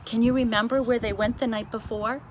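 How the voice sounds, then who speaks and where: A woman voicing a brisk, commanding, unflappable queen in a story, speaking in an emphatic, deliberate, imperious way. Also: a little high, steady tone, background noise, close to an everyday voice. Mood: brisk, resolute.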